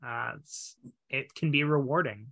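A man co-hosting a casual book-club podcast, talking in a relaxed, hesitant way with restarts. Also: medium pitch, a little slow, creaky. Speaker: podcast co-host.

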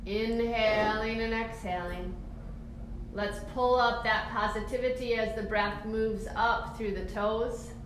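A woman instructor leading a calm guided grounding exercise, giving soothing, encouraging step-by-step cues for relaxing the body. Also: a little high, takes it slowly. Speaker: movement and mindfulness instructor. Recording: very echoey room, faint background noise.

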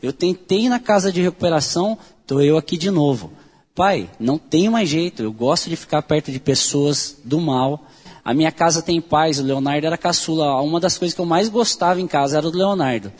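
A man with a Brazilian Portuguese accent gives an earnest, emotional personal testimony, full of halting restarts. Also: on the high side, husky. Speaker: speaker giving a testimony.

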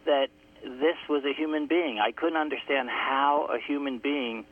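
Man, guest author, crackly tinny phone line, fading in and out, mid-pitched, reflective slow storyteller. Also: fairly even intonation. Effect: crackly phone line that fades in and out. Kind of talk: phone-in radio interview. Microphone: telephone.

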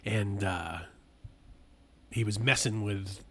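A man's voice: lowish voice, takes it slowly. A man chatting casually with a friend, easygoing and adding short remarks. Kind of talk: casual conversation.

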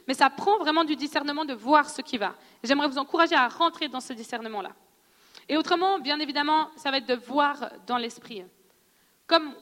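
A woman with a noticeable accent teaching a church audience on prophecy in a conversational, animated way, often laughing and asking questions. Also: high voice. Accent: non-French accent in French. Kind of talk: sermon teaching. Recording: long hall reverb.

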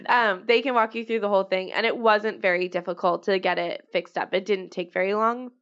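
A woman's voice: mid-range voice, steady tone, fairly quick, clear, resonant tone. A chatty woman co-hosting a casual talk, laughing easily. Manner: chatty, giggly. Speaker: podcast co-host. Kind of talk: casual chat. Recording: dull lo-fi recording.

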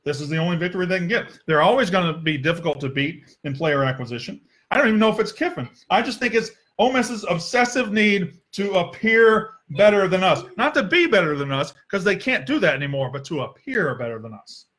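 A man's voice: high-pitched, lively intonation, fairly quick, few pauses, a bit bright. A man hosting a sports podcast, ranting in a heated, sarcastic way and swearing freely. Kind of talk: opinionated sports rant.

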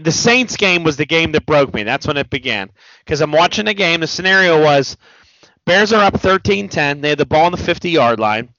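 Gravelly, bright-voiced middle-aged man chatting. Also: a little high, normal speed, dry recording, muffled recording. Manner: rambling, animated storyteller with restarts and laughs. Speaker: podcast co-host. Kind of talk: casual chat.

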